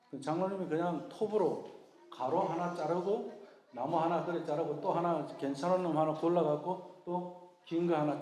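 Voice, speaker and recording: A man's voice: fairly high pitch, mellow. A male pastor preaching a sermon in a conversational way, acting out prayers and God's replies in his own voice. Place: church sanctuary. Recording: echoey church hall.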